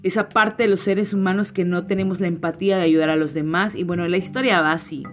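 A woman's voice: on the low side, steady tone, fast talker. Earnest woman podcasting over guitar. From Chiapas, Mexico. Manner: earnest, grateful, reflective. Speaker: podcast host. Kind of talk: heartfelt podcast monologue and fable telling. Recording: slightly muffled, faint guitar music.

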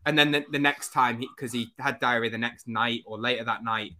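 A man's voice: mid-range voice, steady tone, fairly quick, pushed and bright. A man co-hosting a casual podcast, telling rambling stories with fillers and a bit of swearing. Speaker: podcast co-host. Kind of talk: casual chat.

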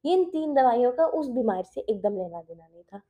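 A woman's voice: fairly high pitch, expressive, brisk. Chatty teen girl, lo-fi sound. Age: teens. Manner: chatty, mixes in English, laughs often. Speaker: podcast host. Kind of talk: casual chat. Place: home.

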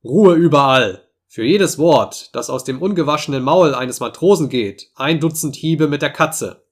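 A man reading a story voices a tyrannical ship captain barking loud orders at his crew. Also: lowish voice, fairly even intonation, fast talker, lightly acted. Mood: furious.

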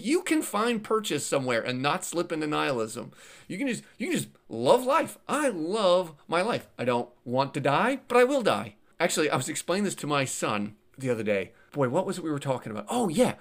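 Animated, earnest man telling a story. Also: a little high, normal speed. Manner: earnest, animated storytelling with frequent restarts and repeated words; laughs lightly while talking. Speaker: podcast guest. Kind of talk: casual conversational interview.

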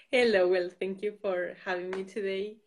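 A young woman from the Basque Country speaks as an interview guest, with a Basque accent. She is a non-native speaker who pauses and feels her way through explanations. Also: mid-range voice, a little mellow. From Basque Country, Spain. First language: not English. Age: 20s. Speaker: guest, student and think-tank intern. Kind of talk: live-stream interview answers.

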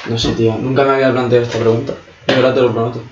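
A man's voice: mid-range voice, racing, slight background noise. A young man chats casually, loose and jokey, with swearing sprinkled through his talk. His voice sounds dull and lo-fi, in a room that echoes. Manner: relaxed, joking, swears often. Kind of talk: casual chat.

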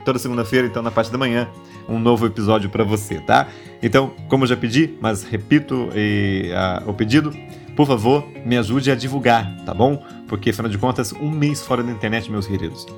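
Soft music plays faintly beneath a Brazilian man hosting a casual religious podcast, his mid-range voice brisk but nasal and stuffy from a cold. Speaking with a Brazilian Portuguese accent, he chats easily, offers warm asides, and tosses in many little tag questions.

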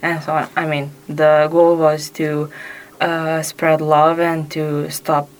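A woman's voice: low voice, level tone, takes it slowly, slight background noise. A woman in her twenties from Serbia with a Serbian accent, answering conversationally as an interview guest. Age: 20s. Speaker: interview guest, youth exchange participant.

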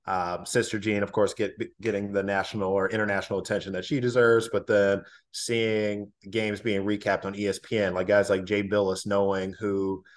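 A man's voice: fairly low pitch, little pitch movement, normal speed, hardly any pauses. A man, a former college basketball player, talking casually as a podcast guest with many fillers and restarts.

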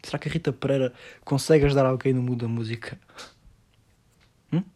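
A man's voice: mid-range voice, fairly even intonation, a little fast, warm tone. A man with a European Portuguese accent hosting a solo podcast, ranting sarcastically and profanely about a TV show. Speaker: podcast host.

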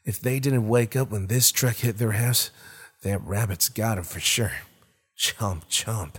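A man reading a horror story, voicing an injured young man trapped in a fire, muttering and frightened, with a husky voice. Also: lowish voice, a little slow.

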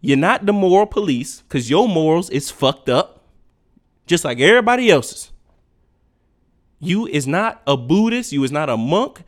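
A man rants on his own podcast, blunt and profane. His voice swoops wildly from low mutters to sharp high jabs. It sits a little higher than most men's. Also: animated, unhurried, pauses often. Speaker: podcast host. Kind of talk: unfiltered solo rant.

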